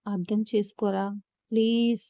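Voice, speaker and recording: A woman's voice: mid-range voice, flat delivery, unhurried, no room sound, lightly acted. A woman voicing a coaxing older sister. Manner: coaxing, hushed.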